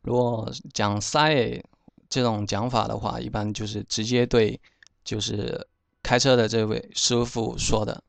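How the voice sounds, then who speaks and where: A man teaching vocabulary, saying each word slowly and repeating it for learners. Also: lowish voice, little pitch movement, creaky, dry recording. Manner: slow, repeats words for learners. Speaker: language teacher. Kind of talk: explaining vocabulary pronunciation.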